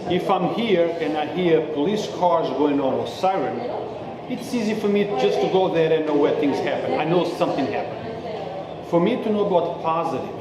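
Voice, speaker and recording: Man from Mozambique, interviewee, earnest, slightly high voice, booming room with a loud crowd. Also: lively intonation, moderate pace. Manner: earnest, explains with frequent "okay?" checks. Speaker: interviewee, street videographer. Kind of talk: casual interview. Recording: very echoey room with crowd chatter.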